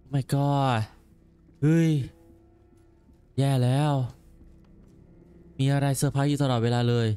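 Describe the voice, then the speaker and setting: A man commenting on a game as he plays, exclaiming and repeating words in quick excited bursts. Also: mid-range voice, clean tone, faint music behind. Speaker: gameplay commentator. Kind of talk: let's play commentary.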